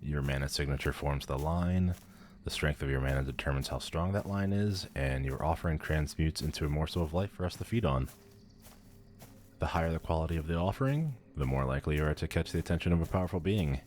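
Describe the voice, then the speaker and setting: This bass-voiced man, darkish in tone, speaks briskly with lively intonation as a mighty demon lord in ASMR roleplay. Lofty and instructive, he sounds pompous, condescending, theatrical, haughty, and both bored and amused.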